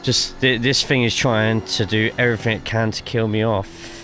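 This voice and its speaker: A man's voice: fairly low pitch, steady tone, normal speed, a bit bright, slight background noise. A man with a cough giving casual, chatty live commentary while streaming a sim racing game, swearing freely and reading chat aloud.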